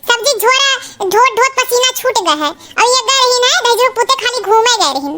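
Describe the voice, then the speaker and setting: A woman's voice: very high-pitched, lively intonation, moderate pace, pushed and bright, heavily acted. A woman voicing a sassy young daughter-in-law in a cartoon, who sings taunting songs. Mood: defiant. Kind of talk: cartoon voice acting with sung taunts. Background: music.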